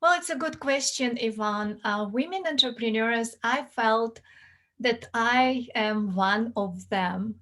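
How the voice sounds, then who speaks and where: A middle-aged woman from the former USSR speaks with a Russian accent. Her voice sits fairly high and she takes her time, phrasing things earnestly and conversationally, as a guest in an interview. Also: slow, fairly bright tone. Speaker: interview guest, finance mentor.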